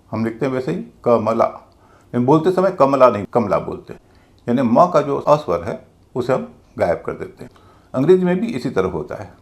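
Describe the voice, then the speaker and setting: A man's voice: medium pitch, vocal fry. A man teaching English pronunciation, explaining patiently and methodically and spelling out words letter by letter. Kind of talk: classroom-style explanation.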